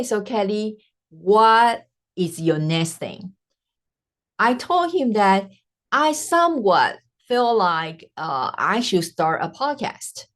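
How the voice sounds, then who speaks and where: A podcast host from Taiwan, a native Mandarin speaker with a Taiwanese Mandarin accent, tells her own story in a personal monologue. Her voice sits at a medium pitch, and she speaks earnestly, pausing often with "uh."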